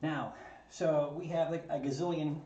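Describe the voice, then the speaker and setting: Somewhat high yet warm and steady, this man's voice moves at a moderate pace with a little hiss or hum. He's putting together a 3D printer kit for his maker channel in his home basement workshop, chatting casually, joking at his own expense and chuckling often. The tripod-mounted camera across the table yields a roomy, distant, slightly dull sound.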